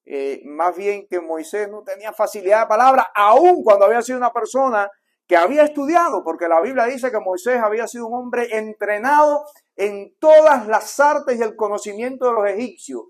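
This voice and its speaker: A man's voice: high voice, animated, normal speed. A man with a Cuban accent preaching a sermon as a pastor, talking to the congregation in a conversational way and acting out the quotes. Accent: Cuban Spanish. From Cuba. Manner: conversational preaching, acts out quotes softly then builds in volume. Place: church sanctuary.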